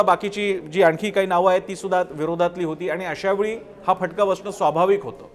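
A man hosts a political news explainer. He talks steadily and analytically and reels off vote figures one after another. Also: high voice. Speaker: news show host.

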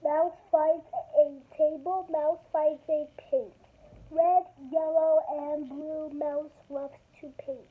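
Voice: sits high, little pitch movement, slow. A young child presenting and reading a picture book aloud, with casual asides, recorded on a handheld device in a bedroom. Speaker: young video maker reading a storybook aloud. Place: small bedroom, indoors. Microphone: phone or tablet at arm's length. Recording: dull lo-fi device mic, background noise.

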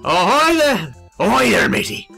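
A man voicing a gruff old male pirate in a video game, drawling with growled arrs. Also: sits high, wildly swooping pitch, normal speed, sharp tone, soft background music, voice pushed up, exaggerated voice. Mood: hearty.

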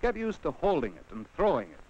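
In the style of a 1950s classroom film, an American man narrates from a script, addressing the on-screen child directly with rhetorical questions. His voice is fairly high, slightly mellow and husky, swooping wildly in pitch at a quick pace. The audio has the dull quality of a vintage 1950 film soundtrack.

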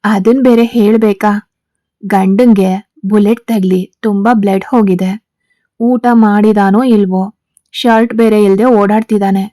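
A woman's voice: medium pitch, steady tone, a little slow, mellow, dry recording, studio quality, natural voice. A woman voicing an arrogant, teasing male gang boss who is a wounded husband, in a spoken story. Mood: domineering.

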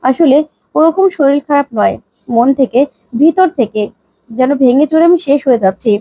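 A woman's voice: sits high, animated, normal speed, no echo, lo-fi sound. A woman reading as a grieving, tearful mother. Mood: sorrowful. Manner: tearful pleading. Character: grieving middle-aged mother, heartbroken and self-reproaching.

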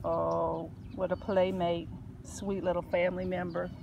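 A woman talking gently to a dog in a cooing, affectionate baby-talk voice. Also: on the low side, flat delivery, unhurried, vocal fry, dull audio, noisy background. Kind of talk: casual talk to a dog on camera.

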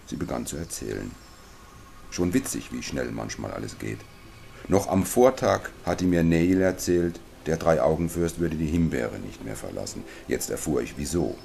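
A man narrating a first-person fantasy audiobook in a calm, measured way. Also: very deep voice, creaky, a little hiss or hum.

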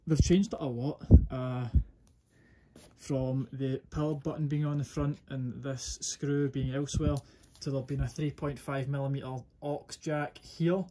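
A man's voice: mid-range voice, little pitch movement, a little slow, warm tone, a little hiss or hum. Man doing a rambling gear review. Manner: informal, rambling, self-correcting. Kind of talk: casual hands-on product review.

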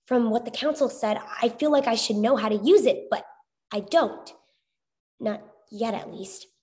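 A woman's voice: on the high side, normal speed, mellow, close to an everyday voice. A woman voicing an earnest, level-headed young female hero in a storybook reading. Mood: hesitant.

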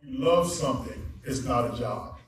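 A coach giving a plain, relaxed thank-you speech from quick notes at a school ceremony. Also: male voice, mid-range voice, noisy background. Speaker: athletic director and coach. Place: school gathering space with a live audience. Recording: echoey room, voice from far off.

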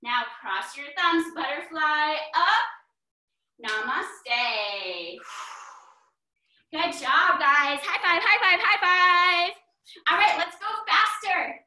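A woman's voice: extremely high pitch, animated, slow, bright, forceful tone. A woman teaching a children's yoga class, calling out poses in an upbeat, encouraging, sing-song way. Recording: echoey room, voice from far off.

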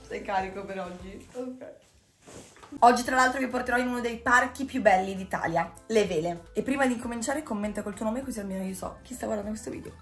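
A woman in her twenties with a high voice chats casually to her viewers. She holds the phone at arm's length as she vlogs, and music plays clearly behind her. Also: fairly quick, a bit bright. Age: 20s. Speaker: vlogger. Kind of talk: casual vlog chat to camera.

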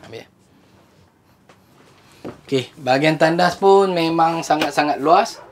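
A man's voice: on the high side, slow pace, slight background noise. A man in his thirties with a Malaysian Malay accent, casually walking through a motorhome and explaining its features, slipping English words into his speech. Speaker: motorhome dealer giving a tour. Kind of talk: walkthrough tour vlog. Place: outdoors by a bus, then inside the motorhome. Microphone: lapel mic.

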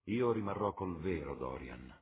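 A man's voice: very deep voice, lively intonation, unhurried, a crowd in the background. A man voicing an earnest, melancholy male painter for an audiobook, speaking in a subdued, pleading way. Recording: tinny lo-fi with faint hiss.

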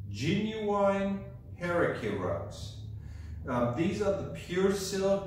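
A middle-aged man with a German accent presents rugs in a slow, hesitant way, with frequent ums between phrases. His voice sits a little high for a man. The recording is very echoey, with the mic set well back from him. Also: a little hiss or hum. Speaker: host of a rug channel. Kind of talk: casual presenting to camera. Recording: very echoey room, mic at a distance.

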